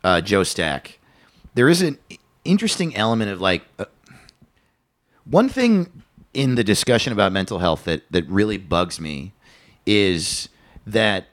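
A man co-hosting a podcast in casual chat, swearing often and thinking out loud with restarts. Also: on the low side, moderate pace, long pauses. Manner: animated, swears a lot, thinks aloud with restarts. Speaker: podcast co-host.

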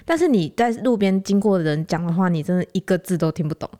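A woman with a Taiwanese accent chatting casually as a podcast co-host and telling stories in an animated way. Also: lowish voice, quick pace. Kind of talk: casual chat, travel anecdotes.

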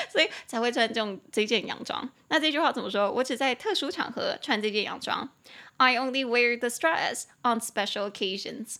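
A woman with a Taiwanese Mandarin accent teaching English on a podcast in a casual, chatty way, spelling words out slowly and drifting into asides. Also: on the high side, pushed and bright. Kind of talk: casual spoken English lesson.

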